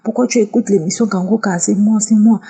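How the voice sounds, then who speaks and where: A woman's voice: medium pitch, steady tone, fairly quick, dark tone, husky. A woman voicing a cornered spirit that pleads urgently and repeats itself. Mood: agitated. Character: tormenting spirit pleading to stay, cornered and desperate.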